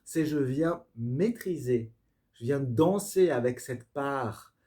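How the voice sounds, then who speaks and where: A man gives a spiritual tarot reading to camera at a slow, unhurried pace. His voice is mellow and dark, and he often halts and restarts while searching for words. He speaks to his viewers directly and with open enthusiasm. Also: medium pitch, expressive. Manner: searching, halting, with frequent fillers and restarts. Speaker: tarot reader.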